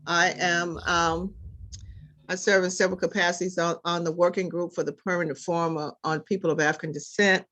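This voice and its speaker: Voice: mid-range voice, little pitch movement, brisk, pushed and bright. A community leader from the United States giving a formal self-introduction at a meeting. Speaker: community leader and organization founder.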